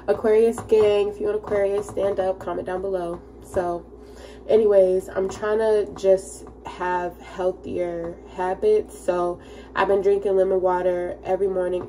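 A woman's voice: mid-range voice, warm tone. A young woman talks casually to her phone camera, loose and friendly, as if chatting with friends. She sounds a little stuffed up from sneezing, and a faint background noise sits under her voice. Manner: chatty, loose and friendly, talking straight to viewers. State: congested from sneezing. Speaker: vlogger. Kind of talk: casual vlog chat to camera.

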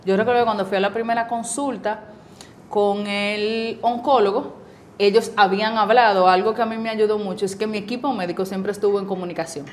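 A Dominican-accented woman in her forties, a cancer survivor and guest in a casual interview, speaks briskly at medium pitch. She tells her story with liveliness, acting out the voices of the people whose words she quotes.

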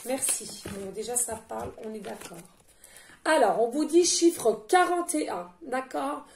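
High-voiced woman giving a gentle reading. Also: measured pace, creaky. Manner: gentle, repetitive, keeps asking "d'accord?". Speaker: medium giving a tarot reading. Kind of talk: spoken spiritual guidance reading. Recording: echoey room.

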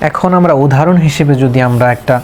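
A man with a Bangladeshi Bengali accent, his voice pitched a little high, teaches Quran pronunciation. He drills each letter slowly and patiently, repeating the same patterns again and again. A faint hiss runs under the recording. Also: a little mellow. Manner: slow, drilling letter by letter with repetition. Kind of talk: tajweed lesson.

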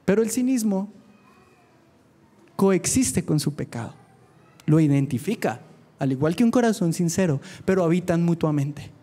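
High-voiced youth preacher. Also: male voice, sing-song, mellow. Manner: fervent, with quick humorous asides. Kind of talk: sermon. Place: church youth meeting.

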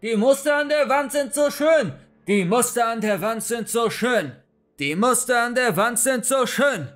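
A man voicing a crazed young man in a horror story, who chants the same sentence over and over in a shrill, manic way. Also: animated, unhurried, a bit bright, heavily acted.

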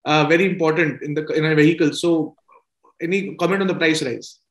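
Indian interviewer, roomy off-mic call audio. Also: male voice, fairly high pitch, steady tone, a little fast, far from the mic. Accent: Indian English. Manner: hesitant questions full of fillers. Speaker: interviewer, associate editor. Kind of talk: business news interview. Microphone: video call.

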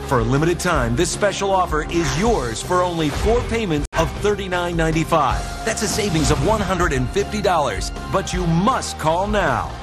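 A male infomercial announcer giving an emphatic, urgent hard sell ad voice-over. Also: high-pitched. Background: music behind the voice.

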